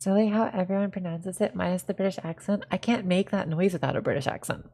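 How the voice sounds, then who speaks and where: A woman's voice: fairly low pitch, quick pace, creaky, warm tone. A woman from California chatting casually on a live stream, giggly and self-deprecating, repeating words over and over to test how she says them.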